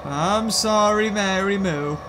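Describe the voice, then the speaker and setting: A young British man giving casual gameplay commentary in a goofy, jokey, excitable way. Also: high-pitched, slow, background noise. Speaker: gaming YouTuber.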